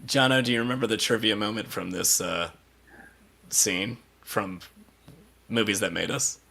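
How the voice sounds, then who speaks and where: A man's voice: fairly low pitch, fairly even intonation, normal speed, gravelly, sharp tone. A man hosting a casual live podcast watch party and running trivia, laughing often as he talks.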